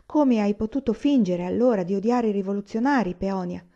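A woman reading the part of a thoughtful, reserved grown man in an audiobook, in a mellow, earnest tone. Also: medium pitch, a little fast, highs cut off, natural voice.

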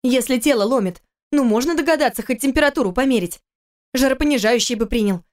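In a storybook reading, a woman narrator voices a sharp-tongued wife and mother, raising her pitch and pushing the volume so she comes across sarcastic, scolding, urgent, and bossy. She talks fast, and the voice sounds natural.

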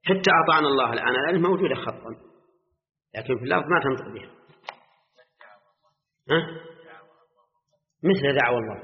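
Man teaching Quran grammar in a hall. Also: mid-range voice. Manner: explains step by step, asks students short questions; chants quoted verses. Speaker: Islamic scholar teaching Quran exegesis. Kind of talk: classroom lesson on Quranic grammar. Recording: dull lo-fi recording in a reverberant hall.

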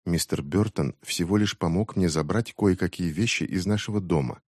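A man voicing a tired, worried middle-aged mother who speaks in a soft, strained way. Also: deep voice, normal speed, dry recording, clean studio sound.

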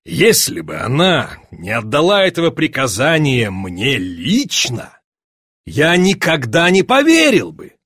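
Man doing a panicked banker, frightened, shrill pleading, dry close sound. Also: wildly swooping pitch, a little slow, fairly bright tone, breathy edge, no room sound, heavily acted. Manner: frightened, rising to shrill outcries. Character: panicked male banker, middle-aged, pleading.

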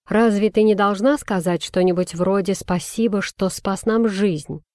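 A woman's voice: mid-range voice, a little slow, warm tone, no room sound, lightly acted. Woman reading as a haughty young prince, petulant, sulky, spoiled, dry close sound.

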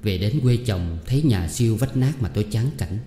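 A man narrates a novel in a steady, measured read, his voice low and mellow. The recording is roomy, with a long reverb tail and faint ambient sound underneath. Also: faint music behind. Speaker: audiobook reader.

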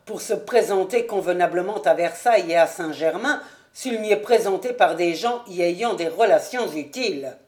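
A woman's voice: fairly low pitch, lively intonation, moderate pace, a little mellow, lightly acted. A woman voicing a scheming, greedy male adventurer captain who speaks in a wheedling, complaining way, in an audiobook. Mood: aggrieved.

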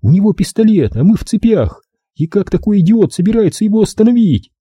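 Male narrator doing a chained captive woman, angry, snapping, raised higher voice, husky, dry audiobook sound. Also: big pitch swings, normal speed, mellow, no echo, exaggerated voice. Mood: furious. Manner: bitter, snapping.

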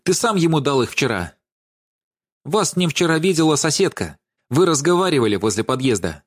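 A man's voice: on the high side, sing-song, moderate pace, no echo, studio quality, pitched above the performer's own voice. A man reading an audiobook and voicing an indignant young woman who cuts her lover down with scorn. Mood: accusing. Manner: scornful, accusing, cutting.

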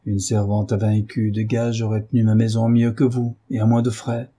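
Guy doing a drunk nasty husband, slurry and slow, low husky voice. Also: monotone, dark tone. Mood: drunk, menacing. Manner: slow, slurred, with frequent pauses. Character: drunken brutish husband, middle-aged, menacing.

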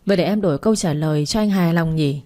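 A woman's voice: lowish voice, very fast, dark tone, close to an everyday voice. A woman reading the lines of a cheerful, shy young woman florist in a storybook, in a light way.

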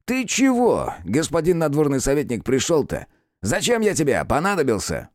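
A man's voice: a little high, wildly swooping pitch, moderate pace, darkish tone, dry recording, clean studio sound, voice pushed up. Man voicing a wheezing crafty old innkeeper. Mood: sly. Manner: gruff, mocking, bullying. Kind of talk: audiobook character voice.

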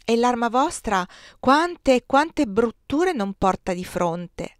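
A woman's voice: on the low side, monotone, slow, vocal fry, no room sound, clean studio sound. A woman reading aloud, voicing a haughty noblewoman nun who proudly boasts of her ancestry. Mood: scornful. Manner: proud, scornful, emphatic.

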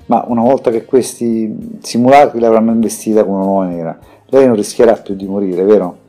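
A man's voice: lowish voice, steady tone, brisk, mellow, soft background music, natural voice. A man voicing a protective, hot-headed young man in an audiobook, speaking with urgent insistence.

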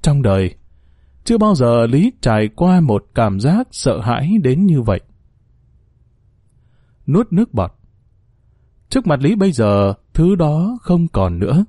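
A man's voice: medium pitch, sing-song, a little slow, long pauses, warm tone, no room sound, clean studio sound. A man narrating a horror story in a dramatic, suspenseful way.

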